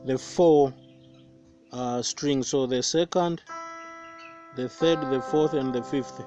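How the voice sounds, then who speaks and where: Outdoors by some banana plants, a young man from Tanzania whose first language is Swahili teaches a guitar lesson slowly and carefully, pausing often and using fillers. His mid-range voice has a dark tone, the recording's high frequencies are cut off, and soft guitar playing sounds in the background.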